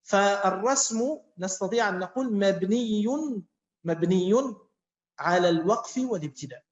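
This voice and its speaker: High-voiced man teaching in an echoey classroom. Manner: slow, repeating and quizzing students. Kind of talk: classroom lesson with student questions. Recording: echoey, dull-sounding classroom.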